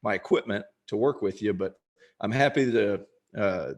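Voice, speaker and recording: Speaking at normal speed in a fairly low voice, a young podcast host and ex-college basketball player chats through an interview. He's self-deprecating and restarts frequently.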